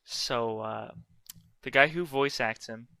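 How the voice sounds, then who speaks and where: A man co-hosting a casual podcast, talking in an excited, joking way and reeling off trivia. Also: mid-range voice, slow pace, creaky, dry recording. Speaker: podcast co-host. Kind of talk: casual chat.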